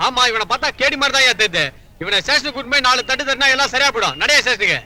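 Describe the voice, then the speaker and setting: A man's voice: extremely high pitch, animated, very fast, pushed and bright, slight background noise, full character voice. An actor playing a petty policeman who blusters and haggles for a bribe. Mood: blustering. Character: petty bribe-seeking policeman, gruff and greedy.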